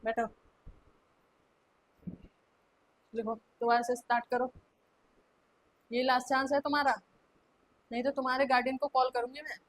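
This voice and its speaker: A woman's voice: sits high, little pitch movement, a little fast, low-quality recording. A woman acting a strict female schoolteacher in a staged classroom skit, nagging and repeating herself as she keeps demanding answers. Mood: stern.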